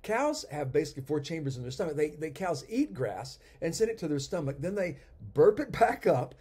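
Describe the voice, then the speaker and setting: A man in his sixties teaches a sermon as a pastor, driving points home by repeating words. His voice is husky and mellow. His pitch swings widely as he emphasizes. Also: a little fast. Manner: animated teaching with emphatic repetition.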